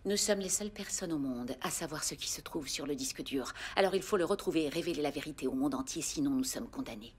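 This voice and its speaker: An actress playing a cool, controlled female assassin who speaks with quiet menace. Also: low voice, quick pace, hardly any pauses, husky. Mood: cold, calm. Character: cold, calculating female assassin. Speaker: cold professional killer.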